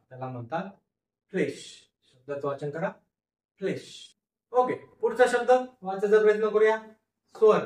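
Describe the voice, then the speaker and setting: A man teaching a phonics lesson, sounding out English words slowly, syllable by syllable, and repeating each one. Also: on the high side, recorded from a distance. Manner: slow, repetitive syllable-by-syllable sounding out. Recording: echoey room, voice from off the mic.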